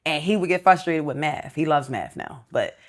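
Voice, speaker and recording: A woman in her thirties talks casually as a guest, earnest and reflective. Her voice sits a little low. She lays out her thinking step by step. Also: lively intonation, normal speed. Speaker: entrepreneur guest. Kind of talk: casual interview chat.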